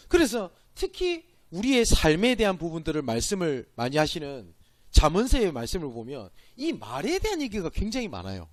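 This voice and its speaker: Gyeongsang guy preaching a training talk, kinda high voice, asks himself questions then answers. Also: no room sound. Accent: Gyeongsang Korean. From Gyeongsang Province, Korea. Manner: emphatic, asks and answers his own questions. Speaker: pastor. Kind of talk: church training lecture.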